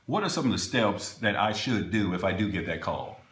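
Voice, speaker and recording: A man's voice: fairly low pitch, expressive, fairly quick, fairly bright tone. A man interviewing casually, asking questions and summing up the answers in simple steps. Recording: echoey room.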